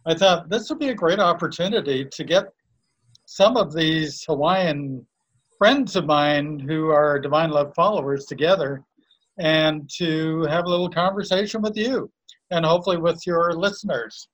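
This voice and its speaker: A man from Canada in a casual conversation, introducing friends in a halting, complimentary way. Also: on the high side, dull audio. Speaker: guest and co-host introducing friends.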